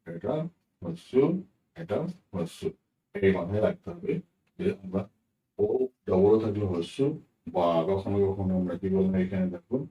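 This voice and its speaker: A man's voice: deep voice, dark tone, reverberant, recorded from a distance, low-quality recording. A man teaching English pronunciation, who spells words out letter by letter and keeps checking with "right?". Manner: repeats words slowly, asks "right?" often. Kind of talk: explaining a lesson, spelling out words.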